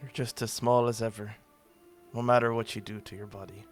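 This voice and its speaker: A man playing an earnest, reproachful hero confronting his cousin in a tabletop game, speaking haltingly. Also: on the low side, little pitch movement, soft background music, voice pushed down, natural voice. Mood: scornful.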